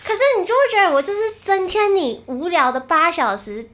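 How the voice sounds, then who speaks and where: A woman's voice: very high voice, very animated, a little fast, a bit bright, a little hiss or hum. A woman co-hosting a podcast, chatting casually and trading stories. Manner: chatty, laughing asides. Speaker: podcast co-host. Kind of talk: casual chat.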